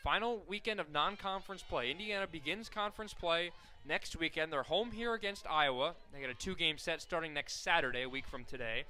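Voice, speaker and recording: A young man calls softball play-by-play for college radio in a voice on the high side, talking fairly quickly with few pauses. He corrects himself often and gets suddenly loud on big plays.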